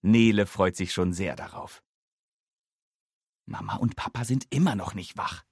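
A man reading a children's story aloud in a lively, expressive way. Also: on the low side, measured pace, husky, dry recording, studio quality. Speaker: narrator.

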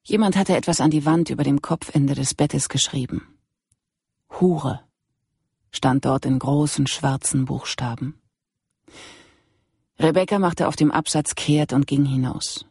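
A steady, measured audiobook narration at a middle pitch. The voice is gravelly and somewhat husky. It is recorded close and dry, with no room sound. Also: no echo. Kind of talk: scripted narration of a crime novel.

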